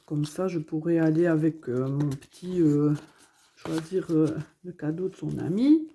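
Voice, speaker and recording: A woman's voice: deep voice, animated, measured pace, dark tone, husky. A woman in her thirties from Hainaut with a Belgian French accent, chatting casually to viewers about her budget with many hesitations and fillers. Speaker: budgeting vlogger.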